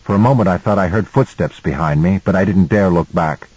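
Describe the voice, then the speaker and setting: A male audiobook narrator telling a first-person story in a measured way. His voice sits very low with a husky edge. The recording is close and dry. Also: darkish tone, dry recording, rough recording.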